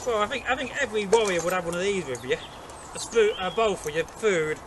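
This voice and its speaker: East midlands bloke from derbyshire, slightly high voice, chatting outside with birds and traffic noise. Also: male voice, lively intonation, a little fast. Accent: East Midlands English (Derbyshire). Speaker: co-host, Viking re-enactor and craftsman. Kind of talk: casual show-and-tell chat. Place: outdoors in a leafy garden. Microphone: camera a few metres away.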